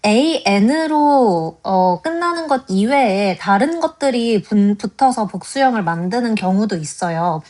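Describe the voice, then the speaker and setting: A woman's voice: medium pitch, expressive, darkish tone. A woman teaching a grammar lesson, addressing her viewers directly and drawing out each example word. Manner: slow, drawn-out pronunciation of example words. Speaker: language teacher.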